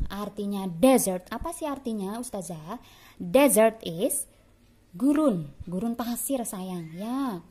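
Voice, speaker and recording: A woman's voice: medium pitch, darkish tone, breathy edge. A woman teacher with an Indonesian accent giving a bilingual English lesson to young pupils, repeating words for them to copy and calling them dear. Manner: affectionate, calls pupils dear. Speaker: primary school English teacher.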